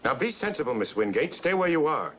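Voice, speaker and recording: A man's voice: on the high side, sing-song, brisk. A man playing a level-headed, firm newspaperman in a 1950s film. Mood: firm, surprised. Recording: old film soundtrack under loud music.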